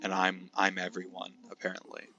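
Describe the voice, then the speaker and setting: A young man commentating on his own gameplay for viewers in a loose, chatty way. His voice sits on the low side yet sounds bright and forceful. He gets excited easily and keeps turning to talk to his audience. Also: fairly quick, muffled recording. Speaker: gaming commentator. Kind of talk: casual let's-play commentary.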